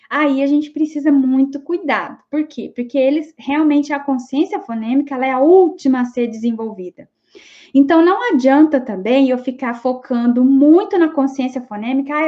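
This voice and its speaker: A woman's voice: high-pitched, highs cut off. A woman giving an explanatory online class lecture, often checking in with her students as she goes. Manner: explanatory, frequent checking tags like "tá bom?". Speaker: teacher.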